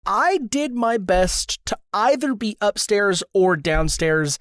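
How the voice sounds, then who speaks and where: Female co-host, medium voice, playful and quick with jokes, dry close mic. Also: medium pitch, big pitch swings, no room sound. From Philadelphia area. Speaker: podcast co-host. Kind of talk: casual chat.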